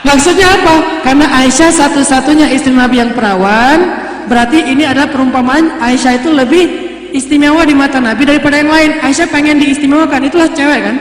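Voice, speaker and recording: A man with a very high voice gives a relaxed sermon to young people. He tells his stories playfully and slips into different voices for the dialogue. The sound comes from an echoey hall with a long reverb. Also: fast. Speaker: preacher. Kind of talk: casual youth sermon.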